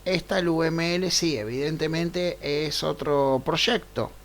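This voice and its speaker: An unhurried male teacher leading a live online programming lesson, with a gravelly, creaky texture to his voice. He talks through each step as he goes and keeps checking in with his class. His pacing is deliberate and slow. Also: a little high. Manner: unhurried, checks in with frequent "right?" tags. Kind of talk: live online class, thinking aloud over screen share.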